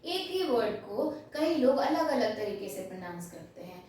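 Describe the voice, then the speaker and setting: A woman's voice: a little high, very animated, moderate pace, darkish tone. Echoey, far-off woman teaching at a board. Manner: explains step by step, asks and answers own questions. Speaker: English teacher. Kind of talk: classroom lesson at a board. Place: classroom with a board.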